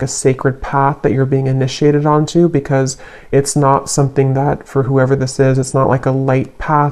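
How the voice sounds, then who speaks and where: A tarot reader giving a card reading, unhurried and searching for words, with many soft fillers. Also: medium pitch.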